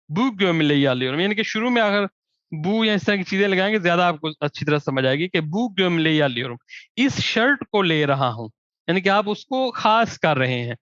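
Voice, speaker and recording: A man teaching grammar as a language teacher, giving examples in slow, drawn-out words between quicker explanation. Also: fairly high pitch, fairly bright tone, smooth, dry recording. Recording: dry, dull lo-fi recording.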